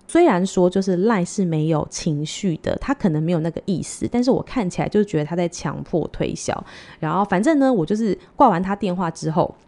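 A woman hosting a podcast, telling a story in an animated, exasperated way. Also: lowish voice, fairly quick. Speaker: podcast host. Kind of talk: storytelling chat.

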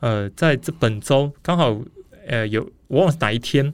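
A man's voice: mid-range voice, animated, normal speed, clean tone. A man with a Taiwanese Mandarin accent hosting a casual podcast in a rambling, explanatory way, slightly muffled by a face mask. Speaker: podcast host.

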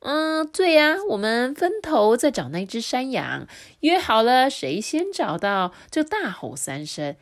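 A woman's voice: on the high side, big pitch swings, unhurried, voice pushed up. A woman voicing a bossy, menacing male wolf leader in a children's storybook. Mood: gruff boasting.

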